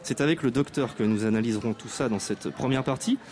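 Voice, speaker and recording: This man hosts a live radio show from an outdoor arts-venue stage with an audience present, speaking quickly in a medium-pitched, darkish voice. His guest introductions are formal yet playfully grand, with many hesitations.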